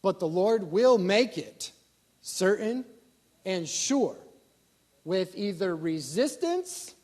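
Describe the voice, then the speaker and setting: A pastor preaching a sermon, asking the congregation rhetorical questions and swinging from loud emphasis down to quiet asides. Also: male voice, sits high, sing-song, slow.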